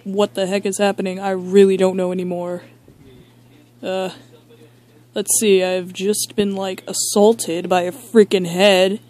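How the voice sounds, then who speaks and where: A girl voicing a boastful, deadpan dad toy who hosts a chaotic talk show in an amateur toy skit. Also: medium pitch, natural voice. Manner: slow, boastful, deadpan rambling. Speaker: talk show host figure.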